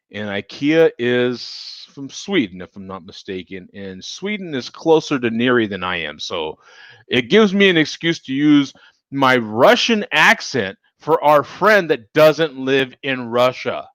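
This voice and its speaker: Here a man with a mid-range, slightly bright voice runs a casual beer show, chatting with live-stream viewers. A little tipsy from the drinks, he rambles, laughs a lot, and talks directly to the chat. The audio has no echo.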